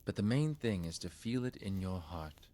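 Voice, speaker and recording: A man playing a solemn, devout medieval monk in a video game, speaking in a measured, instructive way. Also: low voice, animated, mellow.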